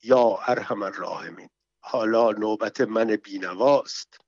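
Fields: Voice: a man voicing a cowardly, scheming nobleman in an audiobook. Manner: slow, drawn-out lines. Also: fairly low pitch, dry recording. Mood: fearful. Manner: slow, drawn-out mock-Arabic phrases. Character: scheming cowardly Persian nobleman, hapless groom. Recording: dull, muffled audio.

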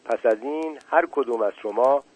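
Calm caring mother bird guiding her chicks, read by a male narrator, storybook. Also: medium pitch, lightly acted, rough recording. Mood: caring, solemn.

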